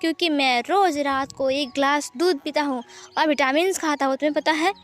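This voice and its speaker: A woman's voice: high voice, a little fast, natural voice. A woman voicing a grown man who talks and whines like a five-year-old boy, in a fan fiction reading. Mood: childish. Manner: whiny, sobbing over a broken toy.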